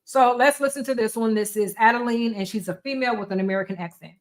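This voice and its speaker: Woman, tech tutorial host. Casual and chatty, a bit high-pitched, eating between lines. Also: fast talker. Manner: chatty, talks off the cuff to viewers. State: eating while talking. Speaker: livestream host demonstrating software. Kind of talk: casual screen-share tutorial.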